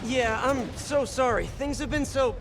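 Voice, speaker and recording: A young superhero in a video game, his voice fairly high. He talks in an earnest, conversational way with wry quips, over faint music. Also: unhurried. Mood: earnest, concerned. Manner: conversational, wry, quippy asides to himself.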